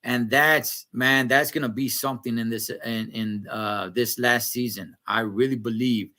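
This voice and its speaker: A man, casually recapping a TV episode and chatting with viewers in slangy, animated talk. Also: medium pitch, unhurried. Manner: slangy, animated, talks to chat. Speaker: show recap host.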